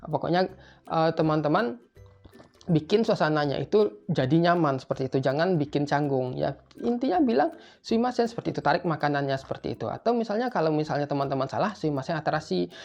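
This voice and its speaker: Fast-talking chatty man. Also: on the high side, animated, darkish tone. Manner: chatty, informal, keeps repeating a filler tag. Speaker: tutor for job interviews in Japan. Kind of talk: casual explainer video. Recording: slightly muffled, faint music behind.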